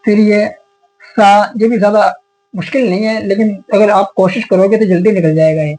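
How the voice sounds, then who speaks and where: A man teaching a beginner's lesson on Arabic letters, sounding each letter slowly and repeating it patiently. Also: high-pitched, steady tone, mellow, low-quality recording. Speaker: Quran teacher. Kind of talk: step-by-step alphabet lesson.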